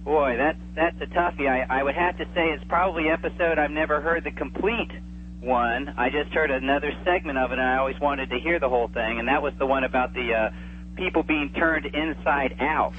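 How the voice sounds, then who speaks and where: Here the man's voice is fairly high-pitched and fairly quick. He's a telephone caller appearing as an expert guest in a relaxed radio interview, chatting eagerly over a tinny line full of hum and hiss.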